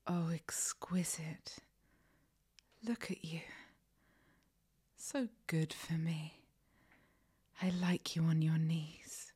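Woman, ASMR roleplay; slow, low whisper, commanding yet tender, warm breathy tone. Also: little pitch movement.

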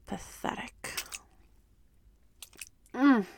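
A woman voicing a predatory, inhuman female seductress who speaks in slow, teasing whispers broken by mocking laughs, in an audio roleplay. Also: slight background noise.

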